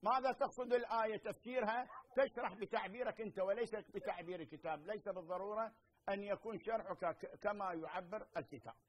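Iraqi man, middle-aged, patient TV teacher, high pitched, repeats and checks understanding. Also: slight background noise, poor audio. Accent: Iraqi Arabic. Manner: explains slowly, repeats points, checks understanding. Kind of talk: televised lesson with phone-in questions.

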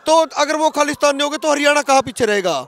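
Fast and a bit bright, a very high male voice belongs to a Haryanvi-accented protesting farmer from Haryana, India, in his thirties. He gives an emphatic, argumentative street interview full of political passion at a roadside protest camp outdoors, captured with a handheld interview microphone.

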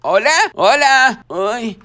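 A young man playing a game with his partner, excitable and quick to yelp when startled. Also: very high voice. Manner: excitable, yelps when scared. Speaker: gameplay co-host. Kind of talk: casual gaming commentary.

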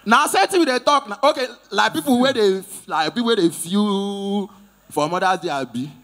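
A man's voice: high-pitched, lively intonation, normal speed, a bit bright. A man with a Nigerian Pidgin accent doing live stand-up crowd work at an event, teasing audience members playfully. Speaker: comedian host at an event.

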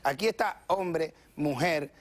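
Animated stand-up comedian, high voice. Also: male voice. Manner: rapid, animated, mimics voices. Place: live comedy stage with audience.

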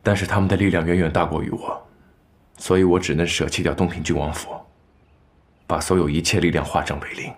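A young actor playing a calm, reserved young nobleman who speaks in a steady, measured way in a period TV drama. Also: low-pitched, natural voice. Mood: serious. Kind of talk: dubbed TV drama dialogue.

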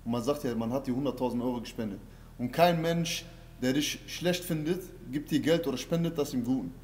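A man's voice: mid-range voice, fairly quick, darkish tone, a little hiss or hum. A young man interviewing someone casually in a conversational way. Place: large lounge with metal beams, seated indoors.

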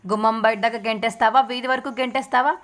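A woman's voice: on the high side, steady tone, fast, lightly acted. A woman voicing an angry young husband who defends his sick wife with sarcasm, in a serial recap read. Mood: indignant. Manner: indignant, sarcastic.

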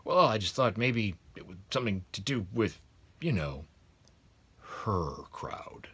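A man's voice: lowish voice, big pitch swings, normal speed, a bit bright, slightly rough, exaggerated voice. A man voicing a nervous, stiff suburban husband from a storybook, hesitant and mumbling.

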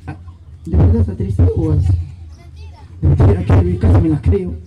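A man hosting a school party, coaxing and playful with the children, shouting to rally them. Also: high-pitched, fairly even intonation, normal speed, phone-quality sound. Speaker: party host at a school event. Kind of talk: animated emcee patter with children. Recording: loud music and crowd behind.

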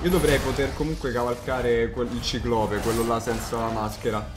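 A man giving casual, excitable gameplay commentary, swearing and talking to his viewers. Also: medium pitch, moderate pace. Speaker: video game player commentating. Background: game music.

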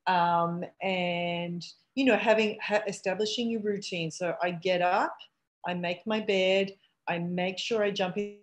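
A woman's voice: lowish voice, fairly even intonation, a little slow. A middle-aged woman, a treatment center owner, talking candidly and reflectively on a video call. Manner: candid and reflective, with frequent restarts and "um"s. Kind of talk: casual video call conversation.

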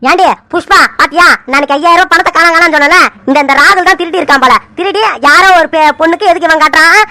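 A proud, quick-tempered cartoon husband voiced by a woman blusters at everyone in a bright, piercing voice. His lines come fast, dry and right up on the mic. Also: extremely high pitch, fairly even intonation, no echo. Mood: blustering. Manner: blustering, snaps at his wife. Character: proud hot-tempered middle-aged father and husband.

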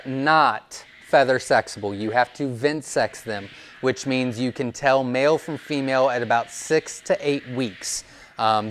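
A young adult quail breeder gives an informal teaching video, explaining in a relaxed, casual way with plenty of fillers. He sits indoors in front of a wooden wall, his mid-range voice picked up by a clip-on lapel mic with a bit of hiss or hum.

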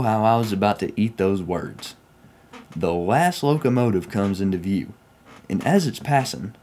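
In a mellow voice on the low side, a young man from Oklahoma, United States, speaks with a Southern US accent. The railfan vlogger tells casual, folksy stories about his own train outings from a small room inside his home.

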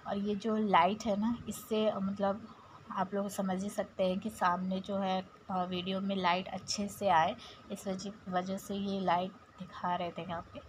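A woman's voice: medium pitch, little pitch movement, unhurried, a little hiss or hum, poor audio. A woman with an Indian accent narrating her home vlog to viewers in a chatty, step-by-step way. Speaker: vlogger. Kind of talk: casual vlog voice-over.

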